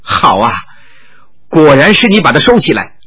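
Brief: coaxing, pushy middle-aged official, sly and insistent, voiced by a male narrator, bright tone. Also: fairly high pitch, wildly swooping pitch, moderate pace, slightly rough, exaggerated voice. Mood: wheedling. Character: scheming middle-aged male official, wheedling then bullying.

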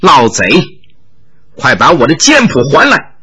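A bold young swordswoman taunts her enemies with cold, scornful laughter, as a male storyteller plays her. The voice is bright and husky, with lively turns in pitch. The tone is defiant and teasing. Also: a little slow, heavily acted.

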